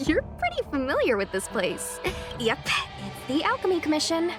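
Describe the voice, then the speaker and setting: A young, curious game companion with a high voice. She sounds light-hearted, with music clearly behind her. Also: huge pitch swings, unhurried, heavily acted. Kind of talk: video game voice acting.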